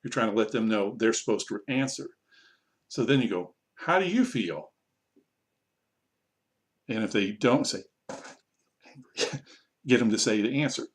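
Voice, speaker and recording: A man, an online English teacher, casually explaining how to run a practice lesson in a relaxed, conversational way. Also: on the low side, fairly quick. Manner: relaxed, conversational, self-correcting.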